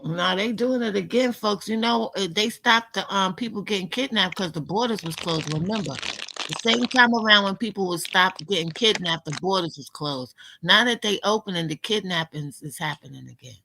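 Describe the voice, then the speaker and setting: A woman from New York chats on a livestream with a smoker's voice. It sits at a middling pitch but has a sharp, forceful edge. Her talk is blunt, slangy and full of profanity. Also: moderate pace, gravelly, a little hiss or hum, rough recording. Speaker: livestream co-host. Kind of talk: casual livestream chat.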